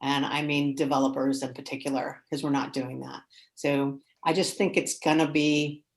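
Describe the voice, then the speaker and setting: A woman with a planning background speaks earnestly and frankly as a panelist in an online discussion held over a remote video call and picked up by the call's microphone. Her voice is very deep with little pitch movement, at a normal speed.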